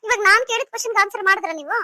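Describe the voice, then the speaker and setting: Woman voicing a high, rapid-fire cartoon young wife, sulky and pleading. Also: pushed and bright, dry recording, studio quality, full character voice. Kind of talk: cartoon voice acting.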